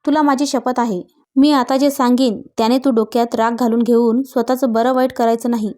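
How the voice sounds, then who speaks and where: A woman reading the part of a gentle, caring elder sister breaking bad news. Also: fairly high pitch, flat delivery, brisk, lightly acted.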